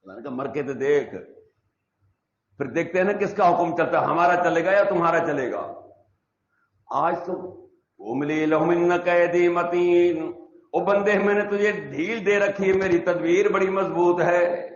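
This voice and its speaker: A man preaching a sermon in a mosque, swinging between loud emphatic calls and low hushed asides, and slowly chanting scripture verses. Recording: echoey mosque, dull lo-fi sound.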